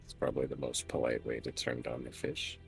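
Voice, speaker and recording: A man's voice: very deep voice, little pitch movement, fairly quick, vocal fry, faint music behind. A man doing casual livestream commentary on a game, talking in a wry, joking way. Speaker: game streamer.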